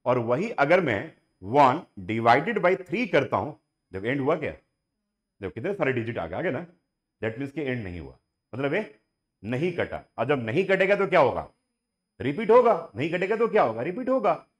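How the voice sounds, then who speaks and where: Lively maths teacher quizzing class. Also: male voice, medium pitch, normal speed, dull audio. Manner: asks the class questions and repeats points. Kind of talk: classroom lecture mixing Hindi and English. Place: classroom with students and online viewers.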